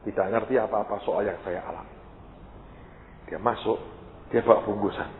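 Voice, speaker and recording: A man preaches in a storytelling style, his lowish voice leaping up in pitch as he acts out the people in his tale. The sound is thin and phone-like, with a long hall echo and a faint hiss underneath. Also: normal speed. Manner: animated, acts out dialogue with sudden high-pitched outbursts. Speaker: pastor. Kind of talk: storytelling sermon. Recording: echoey hall, tinny lo-fi sound with faint noise.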